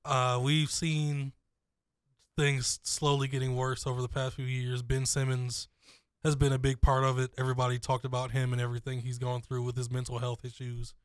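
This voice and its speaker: A young man co-hosting a sports chat, making his points with opinionated emphasis. His voice is smooth and clear. The close studio mic gives a dry, dead sound. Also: mid-range voice, completely flat delivery, normal speed, no echo. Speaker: sports talk show co-host. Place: small studio with foam panels. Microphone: studio mic on boom arm, headphones.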